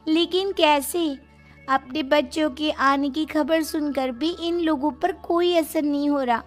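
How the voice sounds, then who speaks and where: A woman's voice: sits high, measured pace, faint music behind, voice pushed up. A woman voicing a worried, helpless young wife in a cartoon moral story, whiny and pleading.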